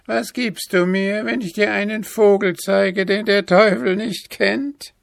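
A man doing a cunning old hag in a storybook reading, her voice pitched far up into a thin, strained cackle. She drawls slyly and sounds bold and scheming, with a rough, gravelly edge and a close, dry sound. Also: steady tone, unhurried, no echo. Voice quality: high cackle.

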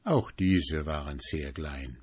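A man reading a fairy tale aloud in a calm, measured way. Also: very deep voice, breathy edge. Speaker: narrator. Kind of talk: storybook reading.

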